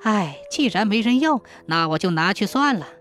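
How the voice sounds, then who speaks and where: A woman voicing a whiny, craving middle-aged opium addict who calls out loudly and pleads. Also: mid-range voice, lively intonation, moderate pace, soft background music, close to an everyday voice. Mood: calling out. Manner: loud, pleading outbursts.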